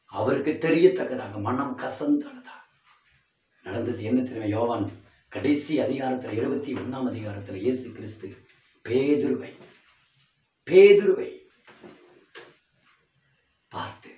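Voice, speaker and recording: A man preaching a sermon, swinging from loud fervent appeals to soft, hushed pleading. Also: medium pitch, muffled recording. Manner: rising to loud fervent calls, then dropping to soft near-whispers. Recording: echoey room, voice from a distance.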